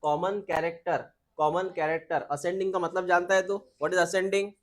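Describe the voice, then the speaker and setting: Male biology teacher, high-pitched, drilling his students with repeated questions. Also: level tone, normal speed. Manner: repetitive, asks students questions. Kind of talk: classroom teaching.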